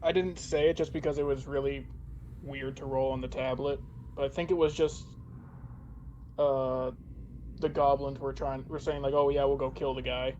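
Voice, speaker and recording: A man's voice: medium pitch, fairly even intonation, normal speed, pauses often, dark tone, highs cut off, slight background noise. A man playing a tabletop game, speaking in an offhand, wry way. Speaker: player.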